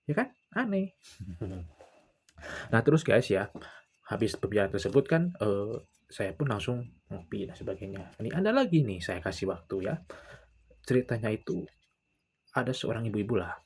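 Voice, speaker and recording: A man's voice: fairly low pitch, very animated, normal speed, pauses often, a little mellow, husky. A young man, casually telling stories to the camera and acting out what other people said. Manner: retells conversations with others, often acting out their lines. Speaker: vlogger.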